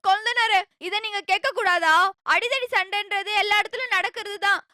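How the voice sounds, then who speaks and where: An actress playing a dramatic young wife who wails and complains melodramatically in a TV serial. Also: female voice, extremely high pitch, fairly quick, no echo, clean studio sound. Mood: wailing. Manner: melodramatic, wailing comic complaints. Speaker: daughter-in-law. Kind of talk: TV serial acting. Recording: TV serial soundtrack with loud music.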